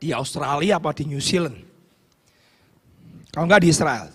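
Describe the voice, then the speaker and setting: A man preaching a sermon as pastor, fervent, swinging between loud shouts and hushed asides. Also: fairly high pitch, expressive, normal speed, slightly rough. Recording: long hall reverb.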